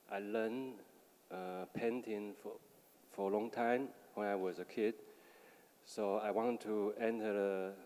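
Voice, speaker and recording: Male dancer, low voice, slow and halting, reverberant hall. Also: a little mellow. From Taiwan. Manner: halting, hesitant, many restarts. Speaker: dancer on a panel. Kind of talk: panel talk.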